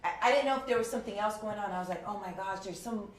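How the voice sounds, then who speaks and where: A woman's voice: mid-range voice, very fast, a little hiss or hum. A woman hosting a live casual interview, bubbly and laughing often. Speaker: host. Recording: roomy distant sound with crowd.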